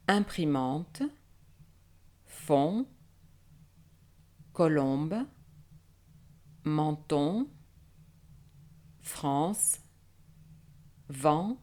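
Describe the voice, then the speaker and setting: A woman teaching French nasal vowels, saying words slowly and breaking them into syllables. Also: deep voice, warm tone. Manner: slow, deliberate, syllable by syllable. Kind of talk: slow pronunciation drill.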